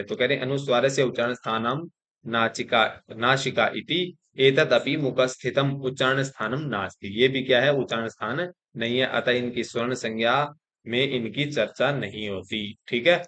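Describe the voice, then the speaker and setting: A man leads an exam-prep grammar lesson in a mid-pitched voice. He recites each rule, then restates it in plain words. He keeps checking in with his students as he goes. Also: normal speed, sharp tone. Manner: explains step by step, often saying 'theek hai' to check in; recites Sanskrit rules, then restates them plainly in Hindi. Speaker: teacher.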